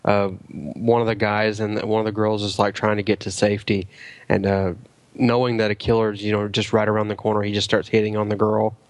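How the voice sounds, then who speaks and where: A man with a lowish voice chats in a laid-back, rambling way about films. The sound is dry and close. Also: level tone, fairly quick, dry recording. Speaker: podcast co-host. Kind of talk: casual chat about films.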